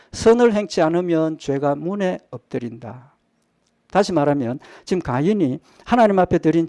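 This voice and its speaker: Gravelly pastor preaching a sermon. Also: male voice, fairly high pitch, warm tone, no echo, clean studio sound. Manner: rhetorical questions, answers them himself; drops to a near-murmur at phrase ends. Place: church sanctuary.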